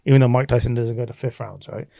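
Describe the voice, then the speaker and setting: A man's voice: medium pitch, fairly even intonation, fast talker, vocal fry, mellow, dry recording, studio quality. Laddish, boastful young British man bantering. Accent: southern English urban slang. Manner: laddish, boastful storytelling with slangy bro talk. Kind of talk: casual banter with a friend.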